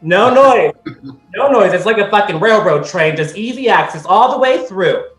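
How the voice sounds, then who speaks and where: A man's voice: high voice, lively intonation, normal speed, fairly bright tone, faint music behind. Campy, profane man roasting over a video call, roomy sound. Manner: sassy, profane, campy delivery. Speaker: roast contestant. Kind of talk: crude comedic roast. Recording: roomy echo.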